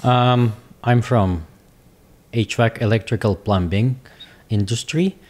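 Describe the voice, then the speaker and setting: A man in his forties with a Russian accent, speaking in halting, searching English as an interview guest. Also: mid-range voice, darkish tone. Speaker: guest, business owner. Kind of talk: casual interview talk.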